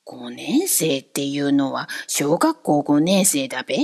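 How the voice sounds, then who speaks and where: A woman's voice: on the low side, very animated, a little slow, gravelly, husky, voice pushed down, heavily acted. A woman voicing an odd little goat-legged coachman who talks in country dialect and is wheedling and easily hurt. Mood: sly rustic.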